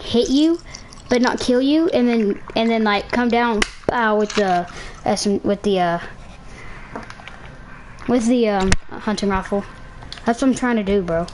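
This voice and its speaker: A woman's voice: a little high, unhurried, long pauses, noisy background. A young woman streaming a game, casually commenting with playful trash talk and making silly sound-effect noises. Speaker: gamer streamer.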